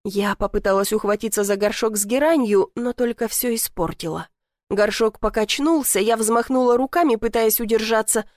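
A woman reads a first-person story aloud with expressive, wry delivery. Her voice is on the high side and the sound is close and dry, with no room around it. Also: moderate pace, dry recording. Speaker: audiobook reader. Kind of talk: first-person audiobook narration.

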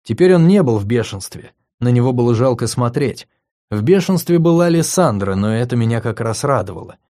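A man with a mid-range voice narrates a fantasy audiobook in the first person. His delivery is dry and wry. He reads in a steady, scripted way. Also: medium pitch, brisk. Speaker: audiobook reader.

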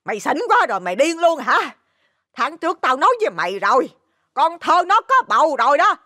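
A man voicing a scolding older woman who wails and shouts. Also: very high-pitched, sing-song, fairly quick, dry recording, clean studio sound, voice pushed up, exaggerated voice. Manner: wailing, scolding. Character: scolding older woman, worn-out mother figure.

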